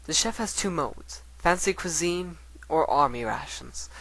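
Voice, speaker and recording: Bookish, scatterbrained lady unicorn read by a man, higher male register, earnest storytelling from a letter. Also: expressive, unhurried, creaky, bright, forceful tone, exaggerated voice, low-quality recording. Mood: animated, enthusiastic. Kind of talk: dramatic reading of letters.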